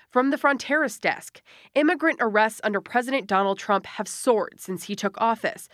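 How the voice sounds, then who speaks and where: A female podcast host reading a crisp, scripted news introduction. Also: a little high, fairly bright tone, no room sound, clean studio sound.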